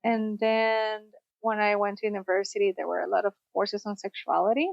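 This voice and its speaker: A woman's voice: mid-range voice, little pitch movement, normal speed, creaky, no room sound, dull audio. A woman from Costa Rica, a sex therapist, telling her story in a podcast interview. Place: studio, in person.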